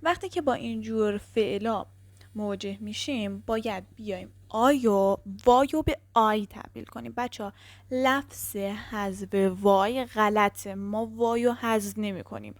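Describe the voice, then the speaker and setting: A woman teaching an English grammar lesson who explains step by step, checks in with the class and drills word pairs slowly. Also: medium pitch, no room sound.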